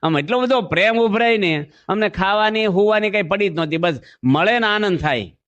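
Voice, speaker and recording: A man's voice: sits high, animated, moderate pace, a bit bright. A man giving a folksy sermon, telling stories, acting out voices and asking the audience questions. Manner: storytelling, asks the audience questions, acts out voices. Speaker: monk preacher. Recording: dull lo-fi recording.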